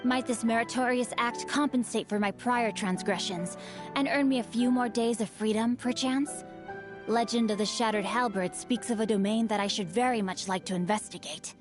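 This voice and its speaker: An actor playing a witty, refined young noble heir in a game, formal and wry. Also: male voice, extremely high pitch, moderate pace, over music. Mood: composed.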